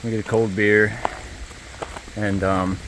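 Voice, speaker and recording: A man's voice: lowish voice, flat delivery, takes it slowly, background noise. A middle-aged man chatting casually in a vlog about his hike, talking laid-back with many fillers. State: out of breath. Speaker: hiker and vlogger. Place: outdoors on a trail.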